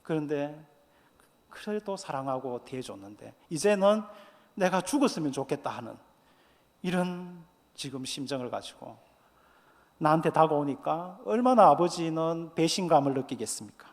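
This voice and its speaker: A man's voice: a little high, lively intonation, moderate pace, in a large hall. A man preaching a sermon as pastor, earnest and fond of rhetorical questions.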